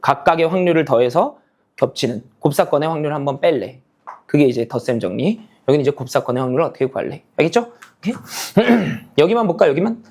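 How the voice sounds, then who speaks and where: A man's voice: a little high, animated, quick pace, a little mellow. A male math teacher giving a casual classroom lecture, checking in with students again and again with a rising "okay?" and "got it?". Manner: casual, talks down to students' level.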